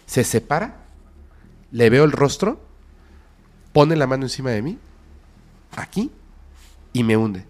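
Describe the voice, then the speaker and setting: A man with a Mexican accent, a podcast guest telling a frightening story with dramatic whispers and sudden loud bursts. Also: medium pitch, very animated, a little slow, pauses often.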